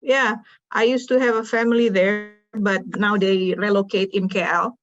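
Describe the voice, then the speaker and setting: A woman's voice: mid-range voice, fairly even intonation, moderate pace, lo-fi sound, faint music behind. Chatty Indonesian-raised woman hosting. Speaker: host. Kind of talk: casual panel chat.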